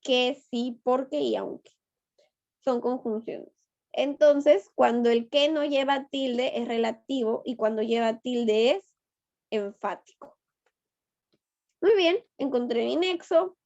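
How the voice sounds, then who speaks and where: A woman's voice: high-pitched, slow, darkish tone. A woman teacher, taking her class step by step and patiently coaxing answers out of her students. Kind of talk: online class lesson. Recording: dull lo-fi online class audio.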